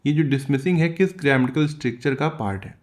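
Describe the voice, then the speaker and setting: A man teaching English comprehension, reading passages slowly in English and explaining them in Hindi, asking and answering his own questions. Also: medium pitch. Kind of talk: bilingual lesson explaining an editorial.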